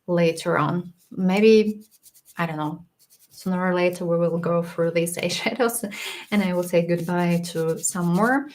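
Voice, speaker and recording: A makeup livestream host talks through a casual product review in a chatty, candid way, with little laughs and restarts. Her fairly low, darkish voice sounds a bit worn since she's slightly losing it. Slight background noise is audible.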